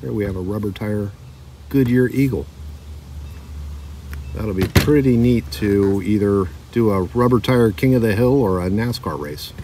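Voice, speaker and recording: A middle-aged man with a low voice talks through his toy car finds in a relaxed, chatty way. He sits outdoors, a bit far from the camera mic, with wind rushing behind him. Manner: relaxed, chatty, reads card backs aloud. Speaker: diecast collector vlogger. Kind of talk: casual show-and-tell narration. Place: outdoor table by a lake on a windy day. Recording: distant mic with wind noise.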